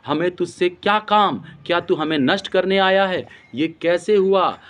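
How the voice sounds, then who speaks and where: A man's voice: a little high, fairly bright tone. A man preaching a sermon, repeating phrases for emphasis and breaking into speaking in tongues. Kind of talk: Hindi sermon with Bible reading.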